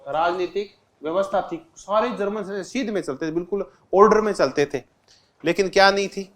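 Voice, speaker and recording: A man's voice: high-pitched, moderate pace, a bit bright. A man teaching an exam-prep lecture, constantly asking the class questions and answering them himself, repeating key terms with simple examples. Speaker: political science teacher.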